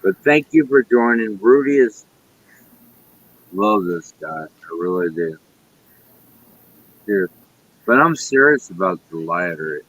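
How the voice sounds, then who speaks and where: A man's voice: lowish voice, big pitch swings, slow, long pauses, a bit bright, husky, rough recording. A man chatting on a friend's live stream, swearing and rambling agitatedly. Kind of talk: casual live-stream chat.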